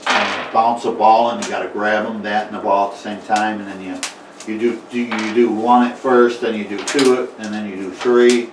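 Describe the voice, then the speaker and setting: A man narrating as game master in a casual tabletop game, talking haltingly with many fillers and restarts. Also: fairly low pitch, flat delivery. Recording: echoey room, mic far off, faint noise.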